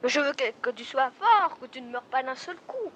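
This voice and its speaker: A woman's voice: high-pitched, animated, fairly quick, fairly bright tone, a little hiss or hum, pitched above the performer's own voice. A woman voicing a pretty young female squirrel who makes fussy demands in a raised voice. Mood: demanding.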